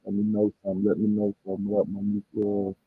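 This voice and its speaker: A male livestream host with a fairly low, monotone voice talks fast over soft background music, rambling in a laid-back way straight to his viewers. His sound is dull and muffled, as if heard through a wall.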